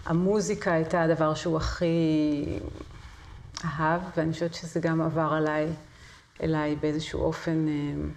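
A woman's voice: low-pitched, darkish tone, slight background noise. A middle-aged woman, a singer and voice teacher, telling her story as an interview guest, vivid and with hesitant fillers. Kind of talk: conversational interview.

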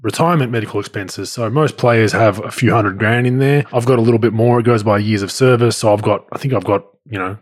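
A man hosts a casual podcast in a lowish voice, explaining in a relaxed, easygoing way. He talks like a former pro player walking friends through how it works. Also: fast talker, few pauses. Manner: relaxed explaining, laughs easily.

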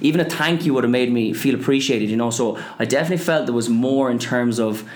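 A man's voice: mid-range voice, fast, darkish tone. A man in his twenties with a west of Ireland accent, chatting casually as an interview guest. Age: 20s. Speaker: interview guest, business co-founder.

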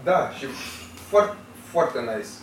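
A man's voice: a little high, big pitch swings. A man chatting casually on a podcast, enthusiastic and hesitant, with many fillers. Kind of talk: casual chat. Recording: roomy, distant from mic, faint noise.

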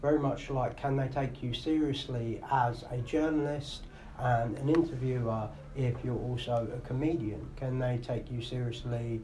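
In a live room with faint background noise, a comedian and radio host answers podcast interview questions, casual and thoughtful, with plenty of fillers. His medium-pitched voice is warm and steady, moving at a moderate pace with few pauses, and the recording is rough.

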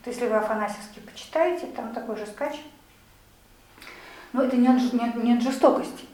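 A woman with a slightly high, warm voice speaks briskly during a lecture with audience discussion, explaining and answering questions in a chatty way full of fillers. She sounds distant, in an echoey room.

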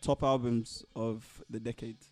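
A man's voice: mid-range voice, flat delivery, a little slow. A man with a London roadman accent and slang, hosting a casual podcast discussion. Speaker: podcast host.

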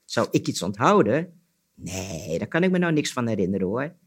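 A man voicing a male cricket in a spoken folk tale, smug at first and then slow and puzzled. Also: lowish voice, sing-song, husky, exaggerated voice. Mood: baffled.

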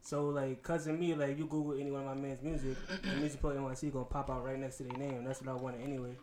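A man's voice: mid-range voice, level tone, quick pace, a little mellow, slight background noise. A man with a Queens, New York accent in a casual chat, talking in a slangy, rambling way with lots of "like". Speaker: guest, music blogger and promoter.

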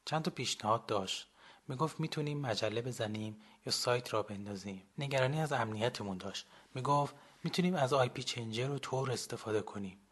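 A young man calmly reading a first-person story as a radio storyteller. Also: mid-range voice, slightly rough. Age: young adult. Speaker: blogger and storyteller.

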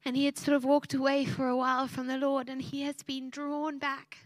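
A woman in her thirties gives a heartfelt, emotional sermon. Her voice sits high, and the sound is close and dry with little room around it. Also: monotone, fairly quick, dry recording. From South Africa. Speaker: preacher.

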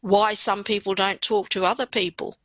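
A woman's voice: medium pitch, steady tone, normal speed, a bit bright, dry recording. Female poet guest, Australian accent, mid-range voice in a dry recording, reflective conversational storytelling. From Western Australia. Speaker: poet being interviewed.

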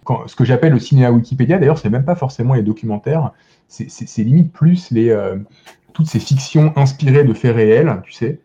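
A man chatting as a guest film critic on a podcast, enthusiastic but halting, with many restarts and fillers. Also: mid-range voice, warm tone, muffled recording. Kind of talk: casual podcast discussion.

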